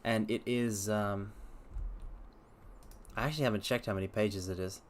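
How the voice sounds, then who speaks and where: On his livestream, a man chats and performs dramatic readings, his theatrical delivery full of formal, old-fashioned phrasing. He has a lowish, steady tone and keeps a moderate pace.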